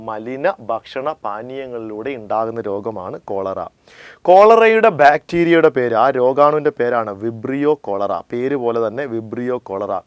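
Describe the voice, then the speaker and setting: A man's voice: clear, resonant tone, no echo, dull audio. Emphatic male coaching teacher drilling answers. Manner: repeats each point as a question and answers it; emphatic, rises and drops sharply in pitch and volume. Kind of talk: classroom lecture with call-and-response drilling.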